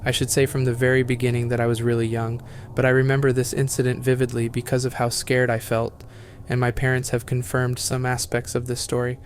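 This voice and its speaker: A man reading first-person horror stories aloud as scripted narration, in a flat, even reading. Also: medium pitch, brisk, a little hiss or hum.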